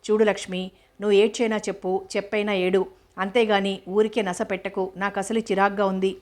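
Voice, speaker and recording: A woman's voice: mid-range voice, little pitch movement, a little fast, close to an everyday voice. A woman reading as a curt, irritable actress. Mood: scornful. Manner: curt and scolding. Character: irritable young woman film actress, sharp-tongued.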